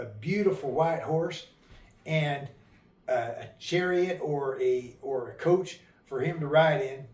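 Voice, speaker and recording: A man telling a folk tale in a folksy, drawling storytelling manner. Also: fairly high pitch. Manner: folksy, rural dialect, drawling asides. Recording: echoey room, voice a bit far from mic.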